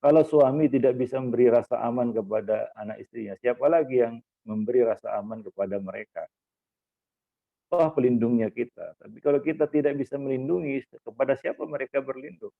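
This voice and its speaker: Gravelly-voiced man preaching over a tinny line. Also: mid-range voice, brisk. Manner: homely, teasing asides with laughs and fillers. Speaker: ustaz giving a parenting talk. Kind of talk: Islamic study talk to fathers. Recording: lo-fi phone-like recording.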